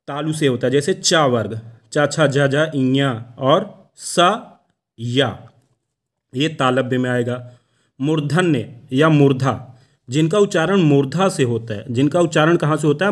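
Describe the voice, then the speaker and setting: A man teaching Hindi phonetics for an exam, explaining step by step, asking questions and answering them himself, and sounding out each letter slowly. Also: fairly high pitch.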